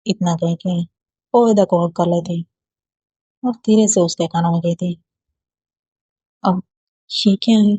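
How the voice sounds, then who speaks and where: A woman reads a love story aloud, voicing every character in her own plain voice. Her fairly low, warm voice has a breathy edge and a steady tone at normal speed, with frequent pauses. The recording is dull, lo-fi and dry, with no echo.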